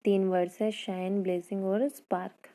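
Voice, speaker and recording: Patient woman teacher, dark mellow voice. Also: medium pitch, little pitch movement. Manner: repeats words and asks the class questions; reads English lines slowly and carefully. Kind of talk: online class lesson in Hindi-English mix.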